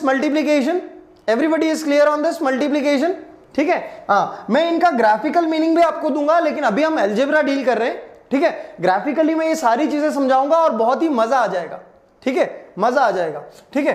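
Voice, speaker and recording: High, slow-talking male math teacher. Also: echoey room. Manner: drawn-out emphatic explanations, repeatedly asking if everyone is clear; mixes Hindi and English, calls students "beta". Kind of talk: live online math lesson. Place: live online class.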